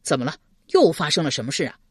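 A woman's voice: low voice, big pitch swings, brisk, no room sound, studio quality. Woman doing a breezy joking scholar. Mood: puzzled, brisk. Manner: breezy and teasing. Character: easygoing male scholar, cheerful, joking.

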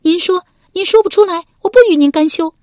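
A woman narrator voicing a proud young noblewoman in a historical novel reading, evasive and defiant, her lines shrill and pleading. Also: lively intonation, normal speed, darkish tone, no echo, studio quality. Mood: wailing. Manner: shrill and pleading, rising into wails.

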